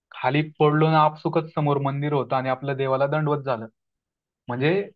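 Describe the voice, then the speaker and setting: A man's voice: mid-range voice, dull audio. A man with a Marathi accent explaining exam questions in a lecture, often asking his listeners "right?" as he goes. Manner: explanatory, frequent rhetorical "right?" checks. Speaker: Marathi grammar teacher.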